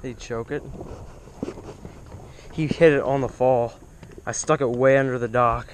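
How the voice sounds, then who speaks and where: A teenage fishing vlogger talks casually from his kayak in a mid-range, steady voice, a little slow. He rambles with plenty of fillers, and the head-mounted action camera picks up outdoor noise around him.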